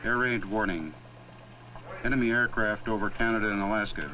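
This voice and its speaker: A man's voice: fairly low pitch, fairly quick, bright, forceful tone. A man giving clipped, official messages as a radio dispatcher. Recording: very noisy radio transmission.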